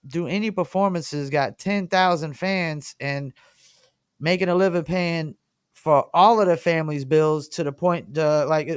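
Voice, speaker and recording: A man hosting a podcast interview, talking in a casual, animated, slangy way. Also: on the high side, clean tone, dry recording, studio quality. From North Carolina, USA. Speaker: podcast host.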